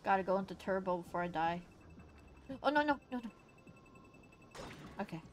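A woman's voice: medium pitch, normal speed, slight background noise. A woman streamer giving casual gameplay commentary, giggling often and talking to the characters on screen. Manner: giggly, excitable, talks to the game characters.

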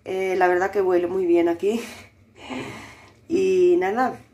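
A woman's voice: fairly low pitch, steady tone, slow, mellow. A woman, co-host of a home cooking show, chatting casually and using fond diminutives as she cooks.

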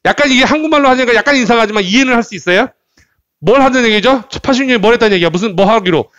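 A man teaching English at the board, with a lively voice that jumps up and down and sits fairly high. He repeats key words and keeps firing questions at the class. The sound is close and dry, with almost no room echo. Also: very fast. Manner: animated, repeats words and asks rhetorical questions. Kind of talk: classroom lecture.

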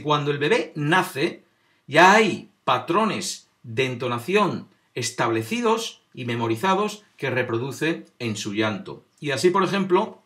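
A man walks the viewer through quiz answers in a bright, crisp voice. His pitch swings widely as he stretches out each number before revealing it. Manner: animated, drawn-out number reveals; addresses viewer directly, demonstrates on camera. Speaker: host of a quiz video. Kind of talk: explanatory quiz narration.

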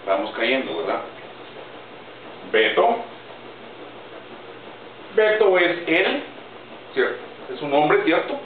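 Male teacher, deliberate lesson delivery, lively raised pitch; distant roomy sound. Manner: slow, deliberate, spells out examples word by word. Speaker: English teacher. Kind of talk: grammar lesson in Spanish. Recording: roomy, distant, phone-like audio with faint noise.

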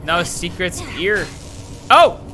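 Wearing a headset at a desk in a small room, a young adult gaming streamer plays a shooter and offers casual, jokey let's-play commentary, excitably talking back to the game. His voice is high-pitched and his pace slow, with slight background noise and poor audio.

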